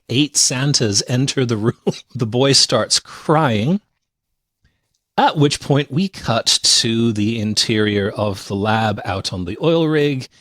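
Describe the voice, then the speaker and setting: A man hosting a film podcast, recapping scenes in a lively storytelling way and laughing now and then. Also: mid-range voice, no echo, clean studio sound. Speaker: podcast host. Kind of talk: casual film review chat.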